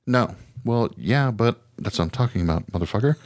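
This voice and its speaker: With a mid-range voice that's lively, fairly quick, and a little mellow, a male podcast co-host comes through in clean studio sound without echo. He rambles and curses through casual, comedic chat, often mocking himself.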